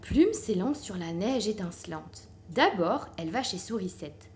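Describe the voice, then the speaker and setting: A woman reading a children's picture book aloud in a gentle, expressive way. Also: medium pitch, a little slow, slight background noise. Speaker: storyteller.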